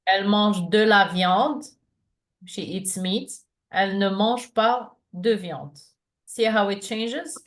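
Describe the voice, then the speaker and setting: A woman's voice: medium pitch, takes it slowly. A woman teaching a one-to-one lesson over a video call, explaining patiently with many fillers and restarts. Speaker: French tutor.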